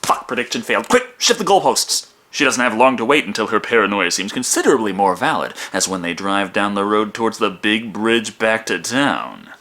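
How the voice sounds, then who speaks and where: A man's voice: lowish voice, lively intonation, normal speed, hardly any pauses, sharp tone. A man narrating a comedic film review in a sarcastic, profane, mock-hesitant manner.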